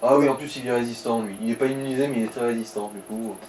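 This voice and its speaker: This man's medium-pitched, darkish voice holds a steady tone while he talks fast, dishing out blunt game advice and crude slang to a player in casual let's-play commentary. The recording is low quality with light background noise.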